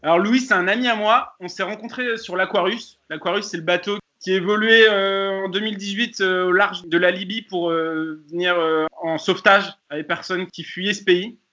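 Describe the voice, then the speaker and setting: A man hosts a podcast with a high, bright voice, chatting casually with friendly fillers. The recording sounds a bit dull and lo-fi. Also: steady tone, moderate pace, few pauses. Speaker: podcast host. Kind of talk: casual hosting and introductions.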